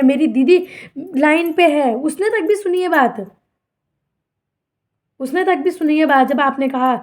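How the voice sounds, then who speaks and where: A woman's voice: high-pitched, a little mellow. A young woman, speaking to her camera in an emotional rant, aggrieved and defiant, repeating herself as she pleads her case. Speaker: vlogger. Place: outdoors in front of a temple.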